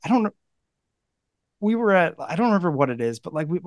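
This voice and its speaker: A man's voice: on the high side, big pitch swings, quick pace, no room sound, clean studio sound. A man in his thirties hosting a podcast, talking casually with many fillers and restarts. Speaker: podcast host.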